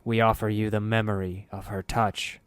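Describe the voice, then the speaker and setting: A man's voice: on the low side, level tone, smooth, dry recording, lightly acted. Man voicing a cold rat hive mind. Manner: measured, collective commanding tone.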